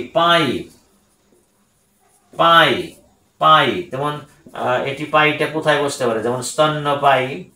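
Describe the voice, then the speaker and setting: A man with a Bangladeshi Bengali accent teaching a grammar lesson, speaking slowly and deliberately, repeating each word and often pausing on "ah". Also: medium pitch, a bit bright, roomy sound, rough recording.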